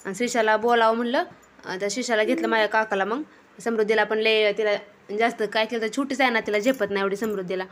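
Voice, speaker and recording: Her fairly high voice stays fairly even as she talks at a quick pace. She's a young vlogger and mother chatting casually through a family video in the garden, occasionally telling off her children.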